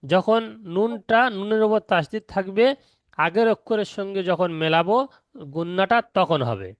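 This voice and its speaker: A man teaching Quran recitation rules in an online lesson, explaining slowly and patiently and repeating each step. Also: high-pitched, lively intonation, no echo, muffled recording.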